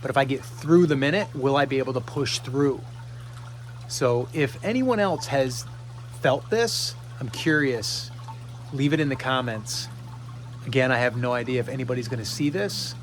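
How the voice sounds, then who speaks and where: A man's voice: mid-range voice, normal speed, slight background noise. A middle-aged man talking casually to camera outdoors, hesitant and reluctant. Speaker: vlogger. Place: outdoors beside a cold plunge barrel.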